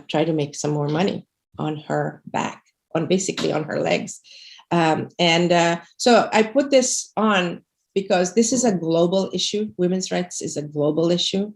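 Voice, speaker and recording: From an indoor room at home, a middle-aged woman from Bangladesh, an activist, walks through slides on a livestreamed video call, earnest but full of fillers and false starts. Her low, gravelly voice has a darkish tone and comes through a video call webcam mic.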